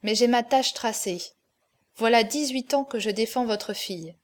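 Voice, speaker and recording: A woman's voice: fairly high pitch, normal speed, lightly acted. A woman reading an audiobook, voicing a proud adult male swordsman who speaks firmly and solemnly. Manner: firm, solemn, cold.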